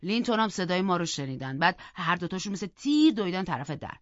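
A woman reading a novel aloud in scripted first-person narration, expressive and acting out the characters. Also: on the low side, dry recording. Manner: expressive, acts out the characters' voices. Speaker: audiobook reader. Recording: dull, dry close recording.

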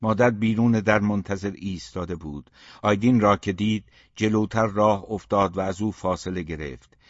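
A man narrates a literary novel in a steady, measured way. His voice sits low. The recording is muffled, with a dry, close sound. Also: dry recording. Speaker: audiobook narrator.

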